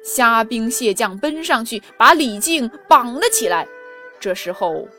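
Slow expressive woman telling a kids story. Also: a little high, faint music behind. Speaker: storyteller teacher. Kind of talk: children's story narration.

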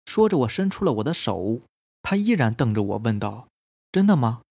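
男性恐怖故事主播，声音略哑，叙述平稳克制，适合夜间讲鬼故事. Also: male voice, medium pitch, creaky, breathy edge, no echo. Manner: calm, measured first-person storytelling. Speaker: storytelling podcast host. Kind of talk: scripted horror story narration. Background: faint eerie background music.

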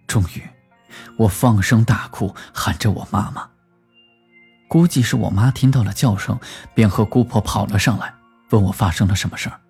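A man narrating a first-person rural horror story in a lively storytelling manner, lifting his voice for the quoted lines. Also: on the low side, moderate pace, slightly rough, faint music behind.

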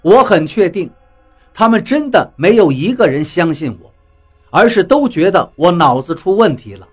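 A man narrates a first-person adventure tale with a husky, slightly breathy voice. Faint music plays softly underneath the reading. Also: high-pitched. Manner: lively storytelling, slows and drops for quoted lines. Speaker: audiobook narrator.

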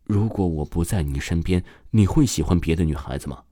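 A man reading the lines of a gentle teenage girl who asks quiet, hesitant questions in a storybook tale. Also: low-pitched, brisk, no echo, clean studio sound. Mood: wistful.

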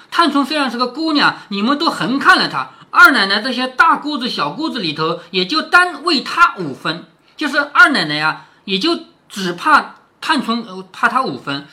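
A man reads a classic novel aloud and explains it, storytelling while often posing rhetorical questions. His voice is very high-pitched, pushed and bright.

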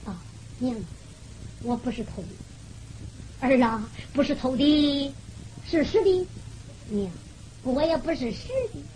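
A woman voicing a poor, dutiful young son who speaks earnestly and guardedly, in a plain lowered voice with a Henan accent. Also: slow pace, long pauses, darkish tone, slight background noise. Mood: hesitant.

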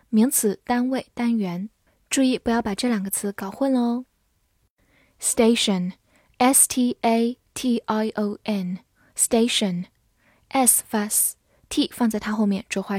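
A woman teaching English vocabulary in a scripted lesson. She spells words letter by letter and reads the example sentences slowly. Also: on the high side, dark tone, no room sound, clean studio sound.

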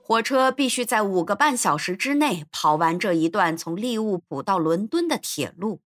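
A woman narrating an episode of a classic adventure novel in an expressive storytelling manner. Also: medium pitch, normal speed, dry recording, clean studio sound. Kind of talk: scripted narration.

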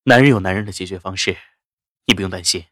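A woman voicing a calm, gentle young male doctor who speaks softly and evenly, in a dry close recording. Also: extremely low pitch, fast talker, no room sound, pitched below the performer's own voice. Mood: quietly firm. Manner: soft-spoken, mild and even.

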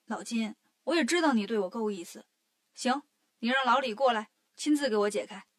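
Woman voicing a cocky monkey king, storybook, stubborn, brash, highish. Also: fairly quick, lightly acted.

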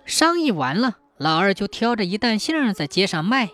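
A woman's voice: mid-range voice, very animated, moderate pace, fairly bright tone, soft background music. Woman telling a folk tale. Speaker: storyteller.

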